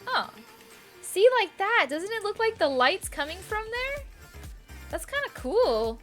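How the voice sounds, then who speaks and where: With quiet music behind her, a woman streams a game in a very high-pitched voice full of big pitch swings, taking her time. She thinks out loud in a loose, rambling, indecisive manner, repeating herself.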